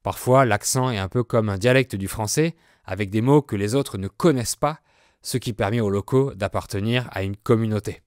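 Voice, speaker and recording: A French man hosting a podcast lesson, explaining with slow, clear delivery. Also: lowish voice, no echo, clean studio sound. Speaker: French teacher, podcast host.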